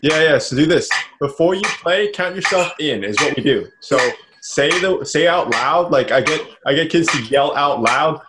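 A man's voice: a little high, lively intonation, moderate pace, few pauses, heavy background noise. Laid-back man coaching a music student. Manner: casual, patient, encouraging, counts beats aloud. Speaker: music teacher. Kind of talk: one-on-one instrument lesson. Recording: instrument playing behind the voice.

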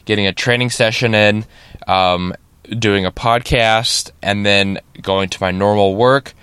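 A man's voice: lowish voice, fairly even intonation, measured pace, fairly bright tone, clear, resonant tone, no echo. A man hosting his own podcast in a casual, rambling way, his voice stuffy and nasal from a cold and often tagged with "right?". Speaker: podcast host. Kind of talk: casual solo podcast talk. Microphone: studio podcast microphone.

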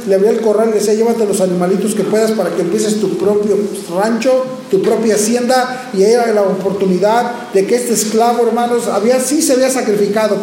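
Very high-voiced preaching man, echoey church. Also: mellow. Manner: preaching with frequent restarts and repeated words, calling out to the congregation. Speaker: pastor. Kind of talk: sermon. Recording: very echoey church hall with faint background noise.

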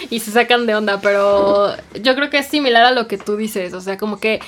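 A woman's voice: medium pitch, normal speed, slight background noise. A Mexican woman chatting casually and acting out past conversations in a Mexican accent. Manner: chatty, acts out quoted exchanges. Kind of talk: casual chat.

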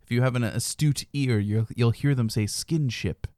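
A man's voice: mid-range voice, moderate pace, dark tone, dry recording. A man co-hosting a podcast, chatting in a casual, laid-back way with filler words and frequent laughs. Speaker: podcast co-host. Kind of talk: casual chat.

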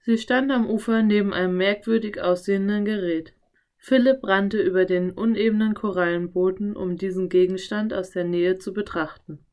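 A woman narrating a children's audiobook in a calm, clear storytelling voice. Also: mid-range voice.

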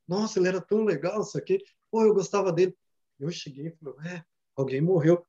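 A man's voice: sits high, steady tone, quick pace, dark tone. A man earnestly telling a personal story in casual conversation, full of fillers and repeats. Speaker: study group member. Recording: dull lo-fi sound.

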